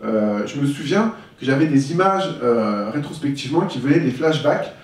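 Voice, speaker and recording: A man giving a candid personal testimony, reflective and unhurried, at a middle pitch. He is picked up from a distance, and the room echoes heavily around him. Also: animated. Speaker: speaker giving a talk.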